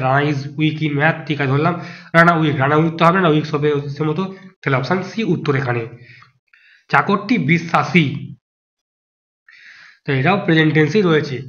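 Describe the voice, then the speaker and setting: A man's voice: fairly high pitch, steady tone, moderate pace, pauses often, fairly bright tone. A man teaching an exam-prep grammar lesson, talking through each answer option aloud and rejecting the wrong ones. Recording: muffled lo-fi voice recording.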